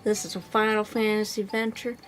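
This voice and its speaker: A woman's voice: medium pitch, little pitch movement, brisk, soft background music. A young woman game streamer, chatty with laughing asides, commenting and reading dialogue aloud.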